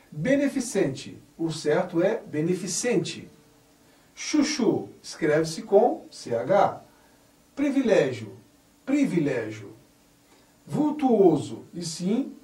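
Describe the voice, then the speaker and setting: In a slow, deliberate Portuguese grammar lesson, a man with a high voice and darkish tone reads example sentences, carefully spelling out words and stressing each correct form. The room is echoey, and he sounds somewhat far from the mic.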